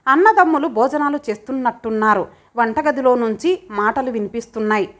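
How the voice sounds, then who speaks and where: A woman reads a magazine story aloud as an audiobook narrator. Her voice sits high, and her delivery is steady and expressive. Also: a little fast.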